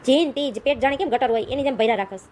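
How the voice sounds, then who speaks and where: A woman's voice: sits high, rapid-fire, a little mellow, a little hiss or hum, close to an everyday voice. A woman playing a scolding, lecturing village husband in a comedy skit.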